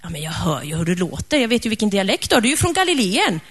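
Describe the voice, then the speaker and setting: A woman voicing a suspicious male guard who talks in a pushy, quick way. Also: medium pitch, big pitch swings, slightly rough. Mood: accusing.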